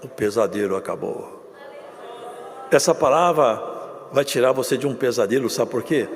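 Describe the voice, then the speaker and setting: A man preaching a sermon, swinging between loud declarations and low hushed passages. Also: lively intonation, moderate pace, big-room sound. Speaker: pastor.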